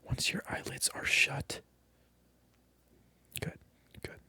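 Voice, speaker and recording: Speaking slowly, this ASMR creator keeps the whisper pushed and bright, with no room sound at all. Leaning in close to the microphone, they address the viewer in a repetitive, teasing, mock-offended way.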